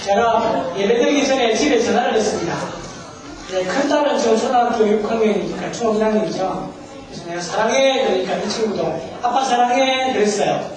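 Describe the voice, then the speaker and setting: Joking pastor in a very echoey hall. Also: male voice, sits high, quick pace, crowd noise. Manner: joking, leads the congregation in call-and-response. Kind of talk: humorous sermon. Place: church sanctuary. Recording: far-off mic, very echoey hall.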